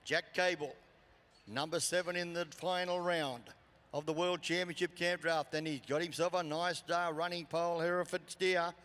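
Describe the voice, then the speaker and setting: Australian male arena sports announcer, higher-pitched voice, live commentary with long PA reverb. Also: fairly even intonation, moderate pace, a bit bright. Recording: PA echoing through large arena.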